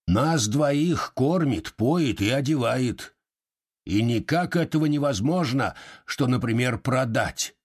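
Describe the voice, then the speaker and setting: A man reading an audiobook voices a poor old organ-grinder who talks humbly and haltingly but with dignity, in a husky voice. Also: medium pitch, lively intonation, pitched above the performer's own voice. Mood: dignified.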